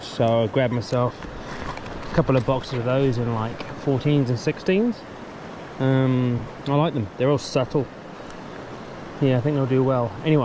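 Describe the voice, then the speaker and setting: A middle-aged man fly fishing outdoors, thinking aloud and getting excited, filmed on a body-mounted action camera. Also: mid-range voice. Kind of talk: casual self-filmed commentary. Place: outdoors by a river. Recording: clear river and wind noise. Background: flowing water.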